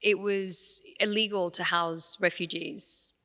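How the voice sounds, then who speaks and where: A woman's voice: fairly low pitch, slow, long reverb tail. A woman from Afghanistan, a guest on a podcast, telling her family's story in a casual interview, with many fillers and asides. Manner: warm, animated storytelling with frequent fillers. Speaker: podcast guest, radio presenter.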